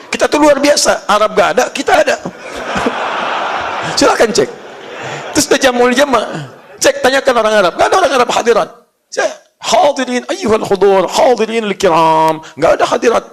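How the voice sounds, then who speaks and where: A man preaching, his voice sitting high for a man. He moves between quiet, earnest teaching and bursts of loud, playful emphasis, like a lively religious lecture. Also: gravelly. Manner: animated, swings from hushed earnest to loud playful. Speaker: Islamic preacher.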